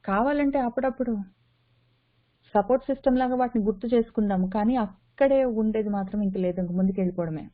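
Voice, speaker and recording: A woman's voice: medium pitch, quick pace. A woman gives a lecture on scripture in a mid-range voice. She repeats key phrases to drive a point home and drops English words into her explanation. The sound is thin and tinny, like a phone call. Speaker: teacher of scripture. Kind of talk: spoken lecture on a Sanskrit text. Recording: tinny phone-line audio.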